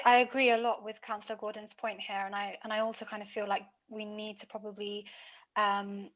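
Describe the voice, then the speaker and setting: A female councillor raising residents' complaints in a committee meeting, earnest, with many pauses. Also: medium pitch, fairly bright tone.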